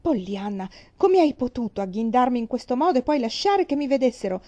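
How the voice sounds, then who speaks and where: A woman voicing a stern, prim older aunt in a storybook reading, scolding in a shrill, indignant way. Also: lively intonation, brisk, mellow, lo-fi sound.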